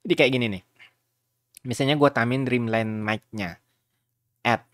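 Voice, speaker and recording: In what sounds like a homemade voice-over, a man hosting a video tutorial guides viewers through software, taking his time and rambling casually. His pitch is middling, and the recording is close and dry.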